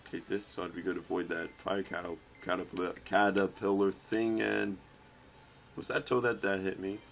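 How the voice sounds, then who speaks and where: Low gravelly young man gaming. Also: little pitch movement, normal speed, soft background music. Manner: swears and shouts in frustration at the game. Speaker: let's play gamer. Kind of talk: live gameplay commentary.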